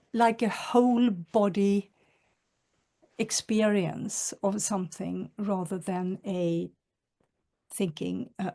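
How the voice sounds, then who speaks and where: A woman from northern Sweden, an author, gives a reflective webinar lecture over a video call, reading quotations. Her mid-range voice is soft-spoken and halting, with many fillers.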